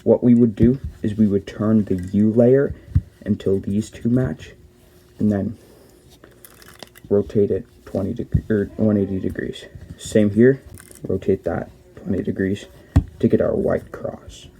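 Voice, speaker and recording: Low, flat-voiced young man explaining. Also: unhurried, a little hiss or hum. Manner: plain, step-by-step, with restarts and self-corrections. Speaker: cube tutorial host. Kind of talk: casual tutorial narration.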